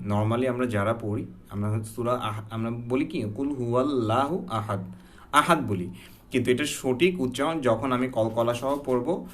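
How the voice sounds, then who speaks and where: A man teaching correct Quran recitation, who explains patiently and repeats each sound slowly to demonstrate it. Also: mid-range voice. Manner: mixes English words into his talk. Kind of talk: explanatory lesson.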